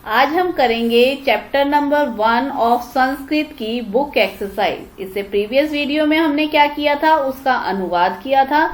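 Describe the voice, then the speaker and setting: A woman teacher explaining a school lesson, asking questions and answering them herself, drawing out each word with care. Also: high-pitched. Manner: drawn-out careful pronunciation of words. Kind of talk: Hindi classroom lesson explaining Sanskrit exercises.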